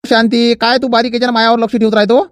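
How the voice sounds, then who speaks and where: A man's voice: extremely high pitch, little pitch movement, fast talker, no room sound, clean studio sound. A man playing a vain, dawdling seventy-year-old village man in a comedy skit, fussy and full of excuses. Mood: defensive.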